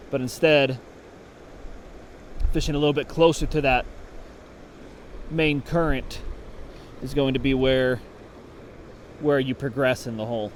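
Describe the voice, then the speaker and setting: A mid-range male voice, with a bit of hiss or hum in the audio, gives on-the-water instruction at a creek. He talks casually and thinks aloud while fishing, walking through his fly fishing technique.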